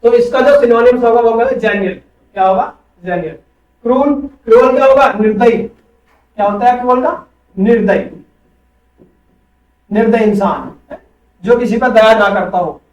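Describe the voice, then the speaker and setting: A man's voice: extremely high pitch, normal speed, long pauses, highs cut off. A male teacher giving an online coaching class, asking quiz questions and answering them himself. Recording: echoey room, far from mic.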